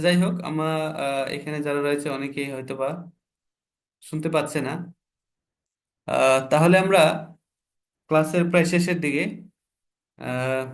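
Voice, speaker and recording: A man teaching an online spoken English class, drilling sentence patterns and urging students to speed up. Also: on the high side. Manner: drills patterns, coaxes students to speak faster. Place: online video call.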